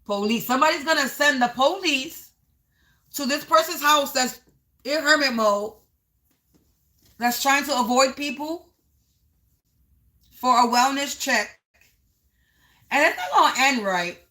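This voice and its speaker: A woman's voice: sits high, lively intonation, a little slow, long pauses, bright, forceful tone. A woman giving a live psychic reading, narrating visions as they come to her, repeating phrases and stretching out key words for emphasis. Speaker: psychic reader.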